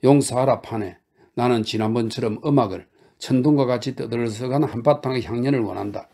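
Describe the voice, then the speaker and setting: A man's voice: medium pitch, a little fast, creaky, mellow, husky. A man doing an overwrought, declaiming young man. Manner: exclamatory, declaiming, breathless. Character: reckless, overwrought young man making wild speeches. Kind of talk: audiobook character reading.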